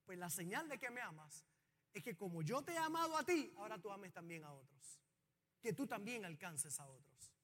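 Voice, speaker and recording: A man preaching a sermon as pastor of his church, with an impassioned delivery that swells to loud, fervent peaks. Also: high voice, big-room sound.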